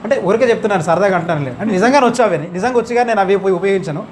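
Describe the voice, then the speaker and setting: A man's voice: sits high, racing, noisy background. A man preaching a sermon, pressing the congregation with emphatic rising questions.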